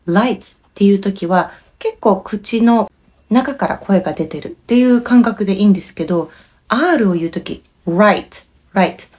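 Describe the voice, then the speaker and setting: A woman with a Japanese accent giving a bilingual pronunciation lesson, explaining clearly and patiently and demonstrating words. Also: medium pitch, mellow. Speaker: language teacher.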